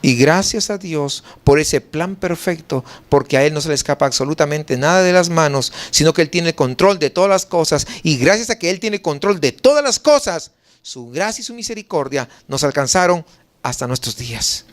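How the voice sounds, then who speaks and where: A man's voice: on the high side, lively intonation, normal speed. A male pastor with a Mexican Spanish accent preaching a sermon, asking rhetorical questions and answering them himself.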